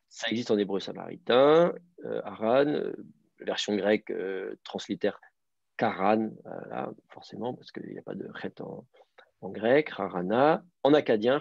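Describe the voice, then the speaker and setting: A man's voice: fairly low pitch, measured pace, vocal fry, no room sound. A man teaching a beginners' class online, explaining at length with many fillers and restarts. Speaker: teacher of biblical Hebrew. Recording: dull, dry lo-fi sound.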